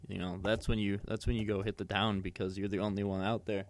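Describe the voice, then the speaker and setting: A man's voice: lowish voice, level tone, fast, a little hiss or hum. A man co-hosting a podcast in casual sports chat, rambling with many fillers and restarts. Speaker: podcast co-host.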